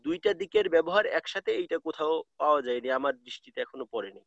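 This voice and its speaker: High-voiced man teaching slowly, dry sound. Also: lively intonation, gravelly, fairly bright tone, no echo, lo-fi sound. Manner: explains slowly and repeats terms. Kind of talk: online class lecture.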